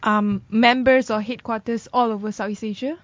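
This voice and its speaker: A woman's voice: on the high side, fairly even intonation, normal speed, dry recording. A woman hosting a radio talk show, chatty and teasing, laughing easily with her guests. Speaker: radio host. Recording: slightly dull lo-fi studio audio.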